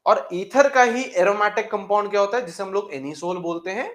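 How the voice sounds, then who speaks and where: A male teacher in a live class, joking with students and repeating key terms slowly. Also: high-pitched, a bit bright, roomy sound. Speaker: chemistry teacher.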